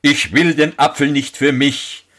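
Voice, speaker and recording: A man reading a fairy tale aloud, voicing a huge male giant who speaks in slow, drawn-out calls. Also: fairly high pitch, fairly even intonation, a bit bright, pitched above the performer's own voice. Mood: warning.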